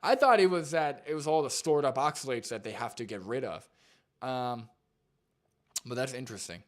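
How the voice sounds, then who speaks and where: A man's voice: medium pitch, expressive, moderate pace. A young man streaming, reacting to a video and reading chat, rambling with lots of fillers and restarts.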